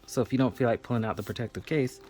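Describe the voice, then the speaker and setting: A man talks through an unboxing in a loose, chatty way, full of fillers and small bursts of excitement. His voice sits at an ordinary middle pitch. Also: racing, slight background noise. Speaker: unboxing video host. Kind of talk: casual unboxing commentary.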